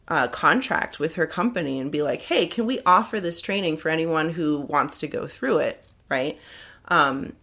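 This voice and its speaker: A climbing guide appearing as a podcast guest speaks frankly and earnestly in a casual interview, laughing easily. Her voice is deep and a bit bright.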